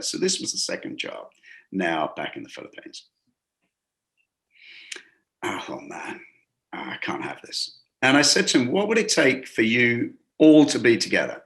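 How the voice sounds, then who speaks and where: As a guest on an interview, a hospitality business coach living and working in a Gulf city shares workplace stories in a rambling way, full of restarts and performed quotes. His voice is lowish with a fairly bright tone.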